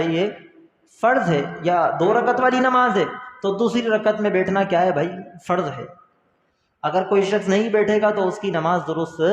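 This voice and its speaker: Earnest male religious teacher in echoey hall. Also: high-pitched. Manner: asks questions and answers them himself, repeats key points; earnest, addresses listeners as brother. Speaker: Islamic teacher. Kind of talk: religious instruction lesson. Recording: echoey hall with long reverb.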